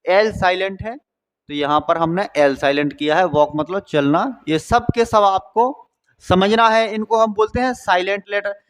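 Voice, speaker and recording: A man's voice: high voice, a little slow, slight background noise. A man from India teaching a lesson, explaining step by step and asking and answering his own questions. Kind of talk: classroom lesson.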